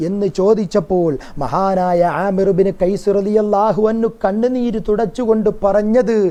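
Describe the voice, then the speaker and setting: A man's voice: sits high, steady tone, normal speed, warm tone. A man preaching a Ramadan sermon, earnest and rhetorical, acting out quoted dialogue.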